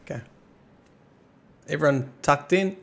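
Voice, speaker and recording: A man's voice: on the high side, unhurried, vocal fry. A man streaming live who reads game lore aloud casually, chatting with his audience and tripping over hard words.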